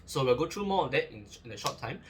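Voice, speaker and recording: A man's voice: medium pitch, expressive, fast, a little hiss or hum. A young man talks casually through an unboxing review, chatty, with many fillers, restarts and joking asides. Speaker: gear reviewer.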